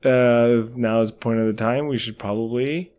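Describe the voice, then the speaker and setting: A man's voice: mid-range voice, steady tone, normal speed, darkish tone. A man co-hosting a podcast, chatting in a laid-back, rambling way and laughing often, over beers in a cottage room with some echo. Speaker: podcast co-host. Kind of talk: casual chat over beers.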